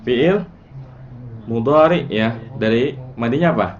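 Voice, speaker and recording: A relaxed male teacher talks his students through a grammar lesson. He quizzes them and chants word patterns. The recording sounds dull and lo-fi. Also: medium pitch, measured pace. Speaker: Arabic morphology teacher. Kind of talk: casual classroom lesson.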